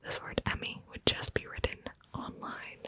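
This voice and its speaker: A woman hosting an ASMR video in a close whisper, right in your ear on a binaural mic, lingering over and repeating words. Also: a bit bright. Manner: slow, lingering repetition of words. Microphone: close binaural microphone.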